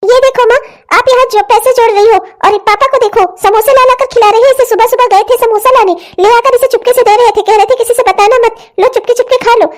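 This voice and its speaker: A woman's voice: very high-pitched, fairly even intonation, quick pace. A woman voicing a jealous, sulky teenage daughter in a cartoon who whines and tattles. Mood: jealous whining. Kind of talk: cartoon voice acting.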